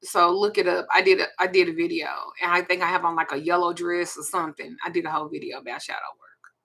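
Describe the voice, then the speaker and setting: A woman's voice: lowish voice, little pitch movement, fast talker, gravelly, sharp tone. A woman in her forties with a Southern US accent, hosting a candid, profane, confiding casual chat. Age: 40s. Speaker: host.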